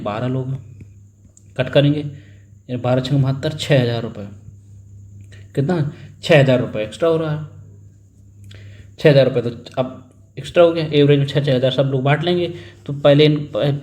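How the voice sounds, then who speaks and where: A man's voice: on the high side, warm tone. A young man teaching an exam-prep maths lesson, working sums aloud, repeating figures and prompting his students to answer. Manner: acts out family members in a little story.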